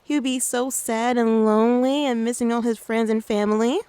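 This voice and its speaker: A woman playing a gentle, doting mother in a soft-spoken ASMR role-play, soothing and coaxing as she talks to the listener like a small child. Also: fairly high pitch, fairly even intonation, moderate pace, clean tone, no room sound, close to an everyday voice. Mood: tender. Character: gentle doting mother taking her little one out. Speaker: ASMR creator.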